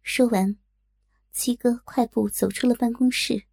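A woman reading a first-person adult audio novel in a steady, intimate storytelling manner. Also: fairly high pitch, measured pace, creaky, slightly rough, dry recording, clean studio sound. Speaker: narrator.

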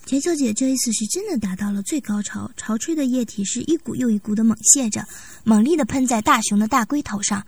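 A woman narrating a story in a steady, even reading voice. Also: fairly high pitch, quick pace, background noise. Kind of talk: scripted audiobook narration.

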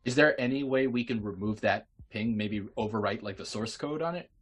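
A man's voice: lowish voice, fairly quick. A man playing a tabletop role-playing game, chatting casually with the group. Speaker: player.

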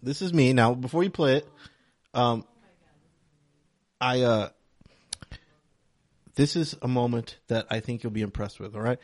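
A man's voice: mid-range voice, a little slow, long pauses. A man co-hosting a casual podcast, eagerly walking his friends through a game clip. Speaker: podcast co-host. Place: studio table, streamed live.

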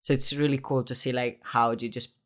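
Male host, mid-pitched voice, musing and thinking out loud in relaxed conversation. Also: fairly quick. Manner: reflective, thinking aloud with fillers. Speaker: podcast host. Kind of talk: casual interview.

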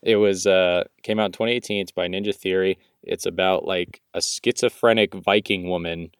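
A man's voice: low voice, steady tone, moderate pace, smooth, no echo, studio quality. A young man co-hosting a gaming podcast in casual banter, swearing and joking as he goes. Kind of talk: casual banter and game chat.

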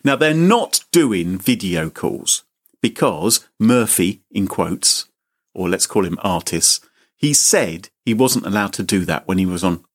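A podcast host tells a funny story on his chat show, sounding theatrically and mockingly outraged. His voice is animated but unhurried, with pitch that sweeps broadly as he plays up the indignation.

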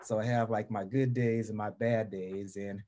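A middle-aged podcast guest from Portland, Oregon, a US West Coast man with a Southern drawl, tells his personal story in an interview. His lowish voice is warm and steady, at a normal speed.

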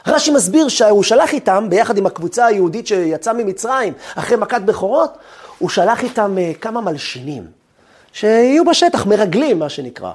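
A man's voice: sits high, sing-song, a little mellow, breathy edge. A man who is a rabbi, giving a sermon on the weekly Torah portion, asking rhetorical questions and acting out quoted dialogue.

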